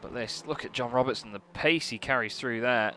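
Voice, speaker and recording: Male motorsport commentator, bright forceful voice, casual live race calls, faint engine noise behind. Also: mid-range voice, fairly quick. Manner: motorsport commentator delivery, excitable at incidents, casual and chatty. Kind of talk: live race commentary on an online sim racing event. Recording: noisy, car engine sound behind. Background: racing car engines.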